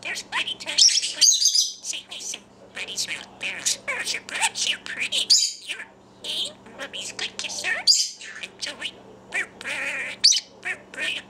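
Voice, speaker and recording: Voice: sits high, huge pitch swings, slow pace, long pauses. A talking pet budgie mimicking affectionate phrases in a chirpy, squawky, indistinct voice, repeating itself in a noisy home recording.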